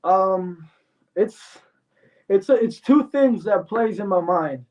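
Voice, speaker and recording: Answering interview questions with blunt confidence and plenty of filler words, a male MMA fighter from Mexico speaks slowly in a high voice with lively intonation. He sounds far away, as if over a tinny phone line.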